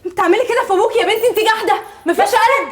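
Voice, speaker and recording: A wronged Egyptian wife pleads in a very high voice at a very fast pace, as a woman plays her. She reproaches others for their cruelty. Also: noisy background. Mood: pleading. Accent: Egyptian Arabic. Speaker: daughter-in-law. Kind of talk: web drama acting.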